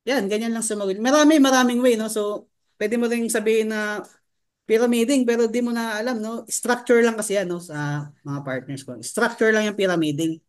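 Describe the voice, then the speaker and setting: A man with a high voice leads a sales training seminar. He keeps turning to his listeners with rhetorical questions and drops English terms into his talk as he explains. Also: a little fast, smooth. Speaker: network marketing trainer.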